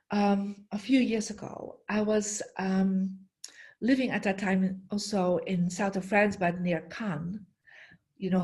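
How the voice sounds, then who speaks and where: A woman's voice: mid-range voice, a little mellow. A middle-aged woman telling a story while teaching an online master class, often checking in with the audience by asking "yeah?". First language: Dutch. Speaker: feng shui teacher.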